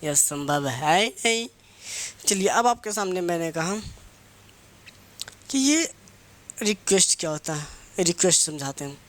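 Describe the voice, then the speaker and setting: Lecturing to competitive exam students, this man speaks in a high, slightly bright voice with lively intonation, a somewhat slow pace and long pauses. His Hindi is sprinkled with English phrases as he teaches grammar, asking questions only to answer them himself and drilling terms.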